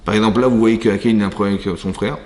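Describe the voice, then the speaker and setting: A man's voice: on the low side, fairly even intonation, rapid-fire, a little mellow. A man giving a Torah class to women, reading verses and explaining them in a conversational way, often checking on his listeners. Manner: reads Hebrew verses then explains in French. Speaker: rabbi teaching a women's class. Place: synagogue hall. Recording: long reverb of a synagogue hall.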